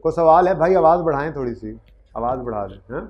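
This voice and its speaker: Guy teaching accounts to a class, kinda high voice, keeps asking "theek hai na", talks loud so the back hears. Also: lively intonation, fast, highs cut off. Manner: explains step by step, calls students "beta" and "bhai", asks "theek hai na?"; raises his voice to project to the room. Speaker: accounting lecturer. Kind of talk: classroom lecture. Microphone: microphone in a classroom with hybrid online students.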